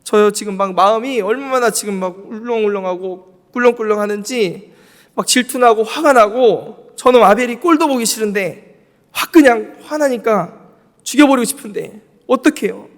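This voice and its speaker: A man's voice: sits high, moderate pace, long reverb tail, pitched above the performer's own voice. A pastor voicing a jealous, angry young man who pours out his rage to God, agitated and pleading. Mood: upset pleading. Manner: agitated, pouring out feelings.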